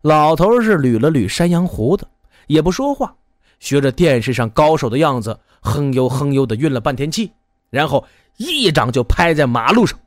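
Guy telling a folk tale, super animated, fairly high voice, dry close sound. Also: moderate pace, dry recording. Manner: lively and expressive, many voices. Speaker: storyteller.

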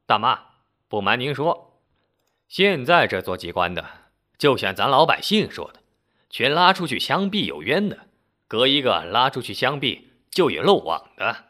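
A man playing a blunt middle-aged street repairman, loud and scoffing, with a lively, swinging delivery. He is a figure in a spoken storybook. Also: medium pitch, normal speed. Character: blunt gruff middle-aged male bike-repair vendor.

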